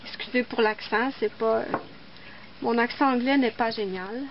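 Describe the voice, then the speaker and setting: A woman's voice: a little high, measured pace, muffled recording, background noise. A woman hosting a casual nail art tutorial, chatting and explaining each step as she works. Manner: chatty, explains while working.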